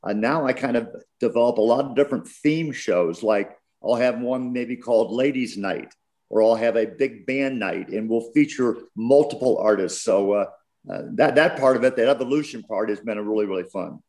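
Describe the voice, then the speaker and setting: An American man with a mid-pitched voice chats as a radio show host. He is easygoing and wanders a little from phrase to phrase in casual conversation. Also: normal speed, a little mellow. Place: remote group video call.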